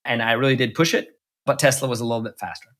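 Racing through his stories, an American guest, an electric car executive interviewed in Munich, restarts frequently and leans on fillers. His mid-range voice holds a steady, fairly bright tone.

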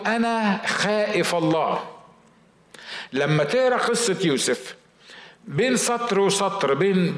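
A man's voice: a little high, fairly bright tone, echoey room. A man with an Egyptian Arabic accent, a pastor preaching a sermon with emphatic repeated phrases.

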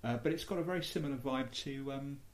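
A man's voice: mid-range voice, fast. A man hosting a podcast, giving discursive, casual commentary on culture in a musing way. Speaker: podcast host.

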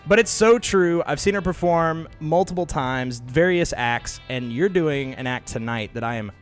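Guy podcast host, kinda high voice, super into it, chatty, music faint behind. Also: moderate pace. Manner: gushing, excitable. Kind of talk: casual, enthusiastic interview chat.

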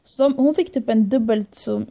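Young woman retelling a story, mellow. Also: fairly high pitch. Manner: animated storytelling, quoting herself and others; mixes in English phrases. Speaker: podcast guest. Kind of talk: casual podcast chat.

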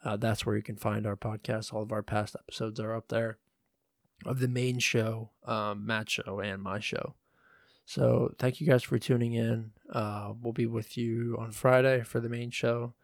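A young man hosting a casual solo podcast from home at night, talking in a hushed voice and rambling with frequent swearing, recorded on a phone. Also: mid-range voice, little pitch movement, moderate pace, vocal fry, no echo, studio quality. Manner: hushed, quiet delivery. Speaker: podcast host.

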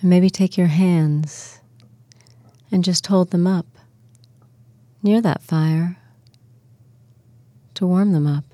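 A woman talks listeners through a guided relaxation in an unhurried, soothing way. Her voice sits low and mellow. The recording is close and dry, with no room sound. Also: fairly even intonation, dry recording. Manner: slow, soothing, soft-spoken instructions.

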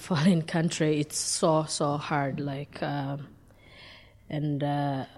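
A woman from Zambia being interviewed, speaking in a halting, hesitant way. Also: low voice. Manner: halting, hesitant, soft-spoken.

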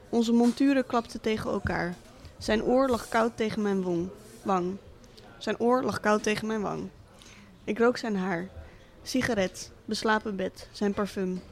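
A woman reading a literary monologue as a cynical, wealthy absent father, speaking in a dry, deliberate, sardonic way. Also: fairly high pitch, a little mellow, natural voice. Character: cynical rich middle-aged father, absent tycoon.

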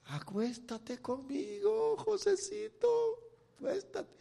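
A male preacher putting on the voice of a scheming, spurned rich wife, sultry and then shrill. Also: very animated, takes it slowly, gravelly, dark tone, in a large hall, full character voice. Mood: seductive.

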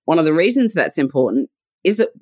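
Deep-voiced, very animated and a little fast, a woman in her forties with an Australian accent speaks as a podcast guest; she's a leadership and culture consultant. Thoughtful and warm, she laughs readily and leans on "you know," captured in a dry, clean studio recording.

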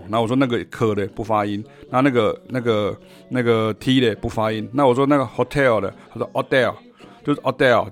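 A man with a Taiwanese Mandarin accent teaching jazz in a podcast lesson. His voice sits at a middle pitch, and he explains ideas by scatting rhythm syllables. Soft music plays faintly behind him. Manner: explains through sung rhythm syllables and examples.

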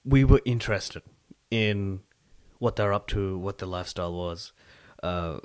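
A man chatting casually with halting, tentative phrasing. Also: low-pitched, clear, resonant tone, dry recording. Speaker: conversation partner posing questions. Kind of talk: casual chat.

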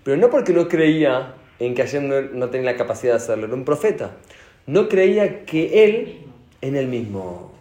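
A man with an Argentine accent giving a sermon as a rabbi, animated and asking his audience questions. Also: mid-range voice, moderate pace. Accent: Argentine Spanish. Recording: echoey room.

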